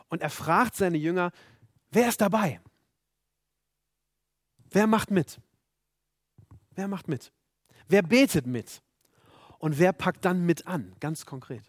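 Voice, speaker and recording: Brief: male preacher, fairly high voice, earnest and emphatic, dry close recording. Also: no echo. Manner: earnest, emphatic, repeats rhetorical questions. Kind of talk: sermon.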